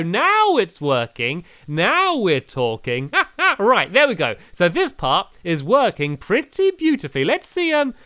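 A young British man giving chatty, excitable commentary while playing a building game, full of fillers and restarts. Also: high-pitched, clear, resonant tone, no room sound. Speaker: gaming video creator. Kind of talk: casual gameplay commentary.

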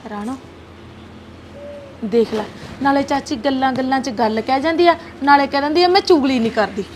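A woman's voice: sits high, normal speed, darkish tone, slight background noise, lightly acted. An actress playing a chatty young village woman talking while she works.

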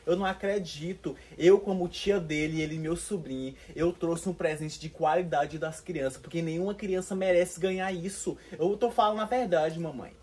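A man's voice: a little high, normal speed, few pauses, a little mellow, slightly rough. A man playing an aunt in a comedy sketch who lectures her parents indignantly.

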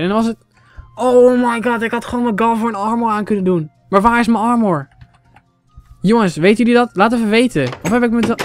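Excitable high-voiced young gamer man. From Netherlands. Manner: excitable, exclaims in English, chats to viewers. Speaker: gaming channel host. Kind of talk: Minecraft let's play commentary. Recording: faint game music behind.

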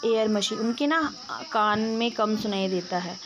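A young woman vlogging in a casual way, speaking slowly in her voice-over and loudly when she explains a hearing aid to an elderly neighbour. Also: medium pitch, noisy background. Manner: slow, devotional narration; loud and repetitive when helping the elderly neighbour. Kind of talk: casual vlog voice-over and chat.

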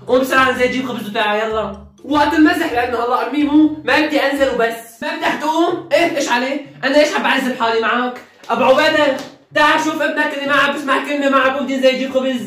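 A woman acting out a shouty family comedy skit, scolding loudly and switching between roles. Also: high-pitched. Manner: scolding, loud and quick. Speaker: comedy sketch performer. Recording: echoey room with faint music.

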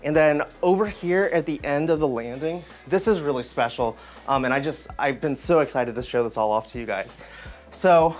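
A man in his thirties hosting a walking tour of an old house, enthusiastically guiding viewers from room to room. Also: a little high. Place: empty old house, indoor rooms.

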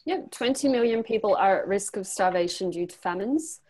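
On a group video call from a small indoor room, a young woman leads a practice exercise, reading prepared text in an encouraging, affirming way. Her medium-pitched voice is animated, slightly mellow and moderately paced. The computer mic gives poor audio with a little hiss or hum.

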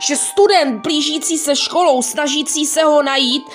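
Brief: woman putting on a frightened schoolboy, panicky, higher voice. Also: faint music behind, close to an everyday voice. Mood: panicked. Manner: panicky, shouting refusal. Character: frightened teenage boy Chota.

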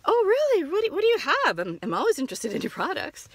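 A woman's voice: very high-pitched, wildly swooping pitch, fast, dry recording, pitched above the performer's own voice, full character voice. A woman voicing a gushing, gullible American mall customer with effusive, eager enthusiasm.

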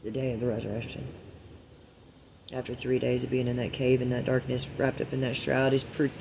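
A man delivering a ranting monologue vlog, swearing heavily and swinging between a hushed murmur and loud outbursts, full of preachy rhetorical questions. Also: mid-range voice, level tone, a little fast, vocal fry, a little hiss or hum, rough recording. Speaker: vlogger.

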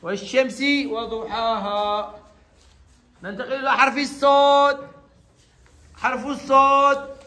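A man's voice: very high-pitched, steady tone, measured pace, long pauses, bright, forceful tone. A male teacher leading a classroom lesson with young pupils. He talks patiently, repeats each letter and praises the answers.

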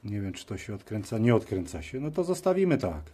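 Working at a cluttered indoor workshop bench, a video host talks himself through the job in short, muttered phrases. His voice is on the low side and dark in tone, very animated and a little fast. Tool and part noises and clicks are clearly audible behind him.

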